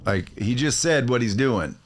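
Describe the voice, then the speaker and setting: A man hosting a podcast interview in a studio, talking in a brash, profane, excitable way. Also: mid-range voice, moderate pace, slight background noise. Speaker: podcast host. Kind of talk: casual interview.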